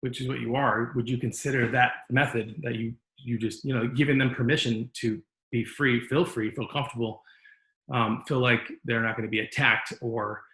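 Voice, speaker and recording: A man's voice: mid-range voice, steady tone, moderate pace, fairly bright tone, echoey room, rough recording. A man hosting a podcast interview, talking in an earnest, rambling, encouraging way. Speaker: podcast host. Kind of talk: casual interview talk.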